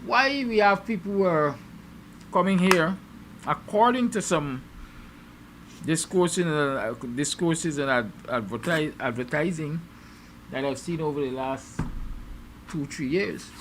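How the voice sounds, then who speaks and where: A man's voice: fairly high pitch, measured pace, long pauses, background noise. A Guyanese man hosting a morning show, musing aloud with rhetorical, sarcastic questions to his viewers. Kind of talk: opinion monologue to viewers.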